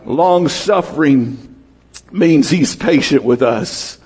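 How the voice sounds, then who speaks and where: A man preaching a sermon as pastor, calling out to his congregation, swinging between shouts and low, quiet lines. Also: slow pace, husky. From United States. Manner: lively preaching, calls out to the congregation, rises to shouts and drops low.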